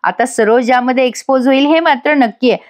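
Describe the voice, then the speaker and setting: A woman TV serial reviewer gives a chatty voice-over recap of an episode, addressing her viewers directly. Her voice is high and her pace brisk.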